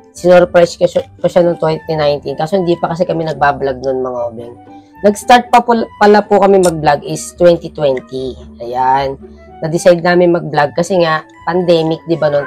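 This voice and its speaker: A woman co-hosting a couple's vlog, telling the story in a lively way and speaking straight to the viewers. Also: deep voice. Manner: animated, speaks directly to viewers. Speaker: vlogger co-host. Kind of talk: casual vlog chat to viewers.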